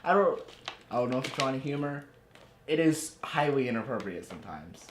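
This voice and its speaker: A man's voice: medium pitch, big pitch swings, a little fast. Young guy podcasting, jokey and laughy, roomy echo, bit of hiss. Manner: joking, laughs often, tells rambling stories. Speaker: podcast host. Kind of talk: casual chat. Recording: echoey room with faint noise.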